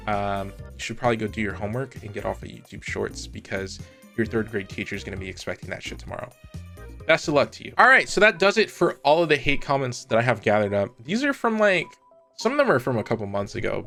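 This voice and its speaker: In this comment-reading video, the male host reacts to viewer comments and does a sponsor read, all with teasing sarcasm and mock politeness. His voice sits on the low side and sounds a bit bright.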